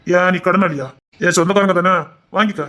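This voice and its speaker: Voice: mid-range voice, steady tone, a little fast, fairly bright tone, lightly acted. A performer playing a cocky young village man who is smitten, speaking with a Tirunelveli Tamil accent in a teasing, swaggering way. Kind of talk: amateur drama skit.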